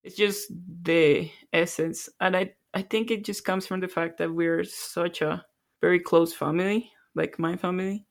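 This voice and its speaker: Soft, gravelly-voiced woman from Colombia. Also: on the low side, fairly even intonation, measured pace. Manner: soft, self-deprecating, reflective. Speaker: podcast co-host. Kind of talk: casual podcast chat.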